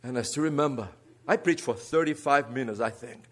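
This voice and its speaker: A Brazilian man with a medium-pitched voice and a Brazilian Portuguese accent speaks briskly. He is a guest preacher who teaches at a seminary, and his earnest sermon swings between quiet asides and emphatic climbs.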